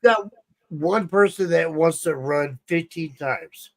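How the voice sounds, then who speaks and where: A man's voice: fairly high pitch, slow pace, vocal fry. A man talking enthusiastically and effusively as a judge in a casual live-stream chat.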